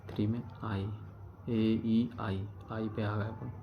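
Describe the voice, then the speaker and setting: Speaking slowly in a flat, creaky, lowish voice, this man walks through a grammar lesson step by step, repeating the key terms and posing questions he then answers himself. Background noise runs under a dull, lo-fi recording.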